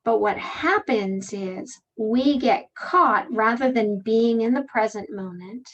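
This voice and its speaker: Woman, gentle reflective speaker, motivational talk, unhurried pauses. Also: fairly high pitch, muffled recording. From Canada. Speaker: speaker and workshop leader. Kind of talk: calm motivational presentation.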